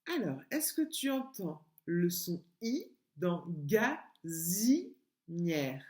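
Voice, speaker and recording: Slow, sing-song woman teaching little children. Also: medium pitch, sing-song, a little mellow. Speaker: kindergarten teacher. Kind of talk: home-schooling lesson video for young children. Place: home. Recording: echoey room.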